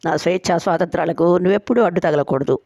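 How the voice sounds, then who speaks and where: A woman storyteller voicing a bossy, sharp-tongued young woman who sets firm terms for her marriage. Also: lowish voice, fast, vocal fry, no room sound, studio quality. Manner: firm, teasing, laying down conditions.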